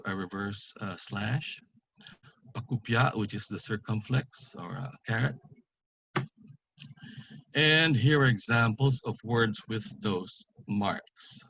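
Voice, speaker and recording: A man giving an online language lesson, speaking slowly and carefully and repeating each example word for pronunciation. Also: fairly low pitch, fairly bright tone. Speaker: language teacher.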